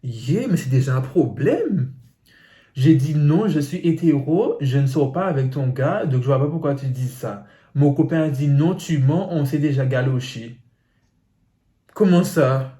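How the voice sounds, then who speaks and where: Slow, teasing man in a roomy echo. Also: mid-range voice, animated, dark tone. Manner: slow, teasing asides between reading. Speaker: YouTuber reacting to viewer secrets. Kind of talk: reading aloud and reacting. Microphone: phone.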